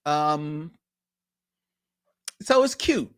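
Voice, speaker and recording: Guy co-hosting a podcast, bouncy animated voice, dry close sound. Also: fairly high pitch, drawn-out words, clean tone, no echo. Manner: animated, laughs often, reads posts aloud. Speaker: podcast co-host. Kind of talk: casual chat.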